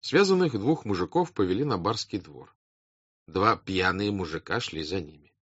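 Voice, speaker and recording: A man narrating a classic novel as an audiobook in a measured, expressive reading. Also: deep voice, husky, no room sound. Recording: dull lo-fi dry audiobook recording.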